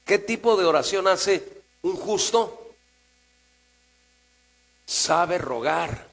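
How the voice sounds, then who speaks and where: A man with a Mexican Spanish accent preaching a sermon as pastor, talking conversationally and swinging from quiet asides to raised, emphatic lines. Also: high voice, animated, extremely slow, poor audio. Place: church. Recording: mains hum in the background.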